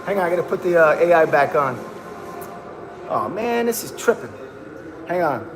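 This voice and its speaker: His voice sits on the high side and swings widely in pitch, moving at a moderate pace. The male livestream host chats in a hyped, slangy style, addressing viewers as "bro" and "man," with music behind him in an echoey room.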